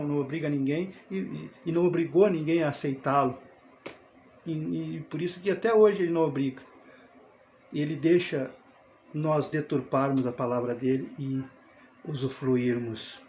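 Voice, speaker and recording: A Brazilian man with a fairly high voice leads an informal Bible talk, keeping it friendly and conversational. He often checks in with his listeners and laughs lightly as he goes. A faint hiss of noise sits under the voice. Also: a little mellow. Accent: Brazilian Portuguese. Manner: chatty, with rhetorical check-ins and frequent chuckles. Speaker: Bible teacher.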